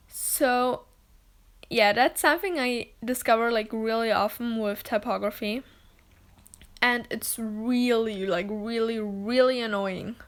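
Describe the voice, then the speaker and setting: A woman's voice: a little high, fairly bright tone, smooth. Rambling young woman. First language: German. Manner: rambling, with many "like"s and self-corrections. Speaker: video editor. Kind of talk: casual voice-over narrating an editing screen recording.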